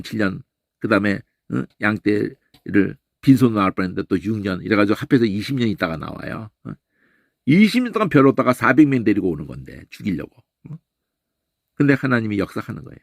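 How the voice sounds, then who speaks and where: A man teaching a Bible lesson in an animated way, often tossing in a questioning "eh?" and imitating sounds. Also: on the low side, vocal fry, no room sound, studio quality. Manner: animated, keeps asking "eh?" and mimics voices and sounds.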